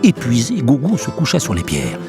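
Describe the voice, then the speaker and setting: A man narrating a children's tale in a lively, expressive storytelling manner. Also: medium pitch, moderate pace. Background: music.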